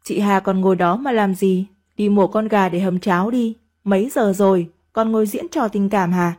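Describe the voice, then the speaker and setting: A woman voicing a bitter elderly mother-in-law who scolds her daughter-in-law in shrill, nagging tirades. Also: steady tone, normal speed, a little mellow, close to an everyday voice. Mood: scolding.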